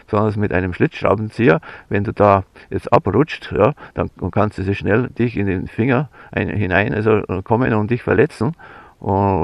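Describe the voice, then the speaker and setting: A man's voice: lowish voice, creaky, dry recording. A man speaking in an unscripted, rambling spiritual monologue, full of fillers, restarts and a frequent "ja.". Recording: dull lo-fi sound.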